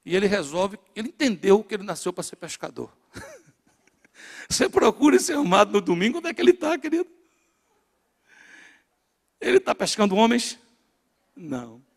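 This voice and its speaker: A middle-aged man from northeastern Brazil with a Northeastern Brazilian accent, preaching to a congregation with rhetorical questions and swings between loud and hushed. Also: high-pitched, wildly swooping pitch, normal speed, creaky, long pauses. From Natal, northeastern Brazil. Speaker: pastor. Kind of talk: sermon to a congregation. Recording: long hall reverb in a church.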